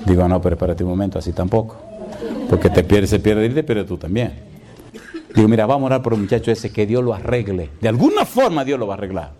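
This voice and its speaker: A man's voice: mid-range voice, warm tone, slight background noise. A middle-aged man, a pastor delivering an emphatic sermon. He asks the congregation rhetorical questions and acts out the dialogue of his story.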